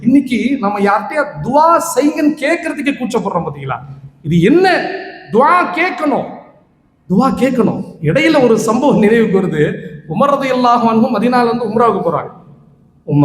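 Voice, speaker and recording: A man from Tamil Nadu preaching as an imam, telling stories with passion. His voice moves between ringing exclamations and low, hushed retellings. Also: sing-song, fairly quick. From Tamil Nadu, India. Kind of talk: Islamic sermon with storytelling. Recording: echoey hall with long reverb, faint noise.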